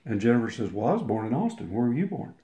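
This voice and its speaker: Now very animated and rapid-fire, the older man's warm, mid-range voice races through a long personal anecdote. As an interview guest telling a casual story, he rambles, restarts and acts out the quotes, with the room echoing.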